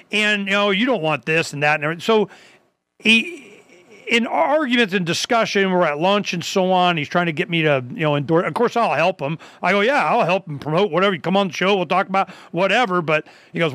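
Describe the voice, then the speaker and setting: A man's voice: a little high, bright, forceful tone, no room sound. A man hosting a talk show, chatting casually and rambling, with many restarts and quoted asides. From Arizona. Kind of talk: casual chat.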